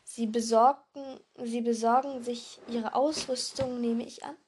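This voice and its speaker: A woman's voice: on the high side, fairly even intonation, a little slow, darkish tone, slight background noise, lightly acted. Female reader as a timid stammering young man, storybook voice. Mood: nervous. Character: nervous stammering young male teacher.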